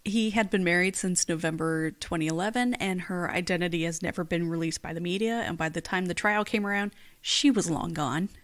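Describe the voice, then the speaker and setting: Lower-voiced woman podcaster recapping facts. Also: fairly quick, hardly any pauses. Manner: reads facts in a plain recap, dry swearing asides. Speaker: podcast co-host. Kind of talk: casual chat, reading case notes.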